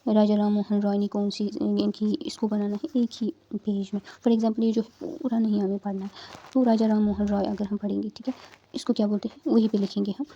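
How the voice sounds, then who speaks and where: A woman's voice: medium pitch, dark tone, lo-fi sound. A young woman tutoring exam candidates in a casual study-guidance talk, explaining step by step with frequent fillers and check-ins.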